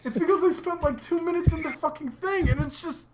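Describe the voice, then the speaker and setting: A woman's voice: very high-pitched, a little fast, crowd noise. A woman co-hosting an anime discussion show, ranting animatedly with plenty of swearing. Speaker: anime discussion podcast co-host. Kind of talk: casual chat.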